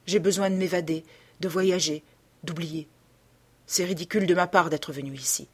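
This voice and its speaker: Dorian is a troubled, weary young gentleman whose words come subdued and anxious, as a woman reading the novel voices him. The voice is a little husky and set low. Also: steady tone, normal speed. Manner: sad, subdued, uneasy.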